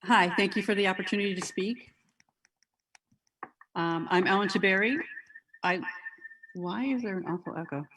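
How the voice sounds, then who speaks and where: A woman's voice: medium pitch, normal speed, pauses often, a bit bright, slight background noise. A woman giving a polite public comment over a remote phone call, her voice doubled by an echo from a second device. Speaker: public commenter at a board meeting.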